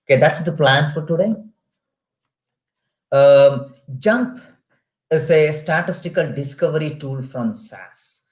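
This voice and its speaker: A man with an Indian English accent giving an online webinar lecture in a steady, explaining way with many fillers. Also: on the high side, slow pace, pauses often, roomy sound. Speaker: guest lecturer. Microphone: video call.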